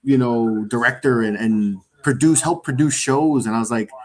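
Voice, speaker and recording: A man's voice: mid-range voice, moderate pace. A man who runs a podcast network, chatting casually in a rambling way with many restarts. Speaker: network founder and guest.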